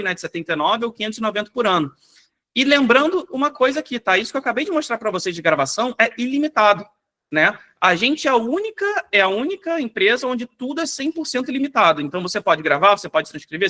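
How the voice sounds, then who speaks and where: A man with a Brazilian Portuguese accent, a company founder giving a live online workshop demo over a video call, talking energetically and dropping "né?" and "gente" as fillers. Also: high voice. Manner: energetic, rapid, fills with "né?" and "gente". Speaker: software company founder presenting.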